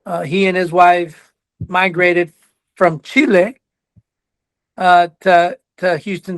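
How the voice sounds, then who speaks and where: As a guest on a podcast interview, a college soccer coach in his forties shares his story earnestly. Originally from Colombia and raised in Texas, he has a slight Texas accent and a high, slightly bright, clean voice with no room sound.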